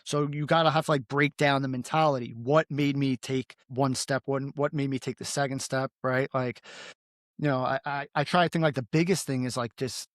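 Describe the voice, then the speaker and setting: A man's voice: medium pitch, fairly even intonation, normal speed, no room sound, clean studio sound. A man in his thirties, a podcast host, talking casually and rambling with lots of filler words. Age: 30s. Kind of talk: casual conversation.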